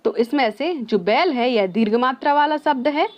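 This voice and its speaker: A woman's voice: sits high, normal speed. A woman teaching an exam-prep lesson who mixes English words into her explanation. She asks her own questions and then answers them. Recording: slightly dull, lo-fi sound.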